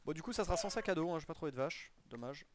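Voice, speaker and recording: A man's voice: a little high, expressive, rapid-fire. A young man giving casual gameplay commentary as a video host, using colloquial street slang and swearing.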